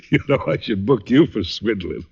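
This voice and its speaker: An actor playing a good-humoured, easily needled police lieutenant, blustering and bantering in an old radio detective drama. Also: male voice, on the low side, creaky, darkish tone, breathy edge, heavily acted. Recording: dull old radio recording.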